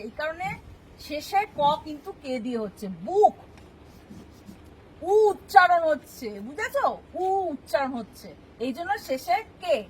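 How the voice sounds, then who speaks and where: A woman's voice: extremely high pitch, a bit bright, low-quality recording. A woman teaching English spelling rules, patiently explaining and checking that the class understands.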